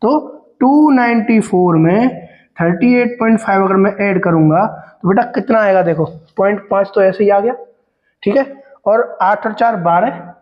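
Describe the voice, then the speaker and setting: A man with a high voice leads a maths lesson, talking his way through each calculation. He fires questions at his students and answers them himself, calling them "beta" as he goes. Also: moderate pace, lo-fi sound. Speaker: maths teacher. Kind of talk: explaining step-by-step calculations on a board.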